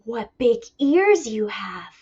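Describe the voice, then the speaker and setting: A woman voicing an innocent, uneasy little girl in a storybook read-aloud, speaking slowly and warily. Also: fairly high pitch, sing-song, warm tone, slightly rough, full character voice. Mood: uneasy, wondering. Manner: slow, wary, drawn-out delivery. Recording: dull lo-fi recording.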